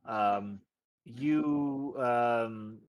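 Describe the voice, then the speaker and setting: A man improvising narration as a tabletop game master, halting and thinking aloud as he goes. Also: medium pitch, dry recording.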